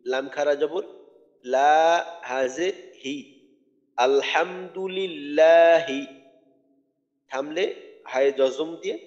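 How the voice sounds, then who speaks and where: A man teaching Quran recitation, patiently spelling out letters and drawing out words slowly. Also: medium pitch, darkish tone. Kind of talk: tajweed lesson. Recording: dull audio with long hall reverb.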